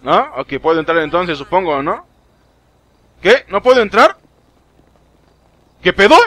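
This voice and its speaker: A young man with a Mexican Spanish accent, giving live gameplay commentary, excitable and swearing often as he talks to game characters. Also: high voice, unhurried. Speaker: gaming streamer.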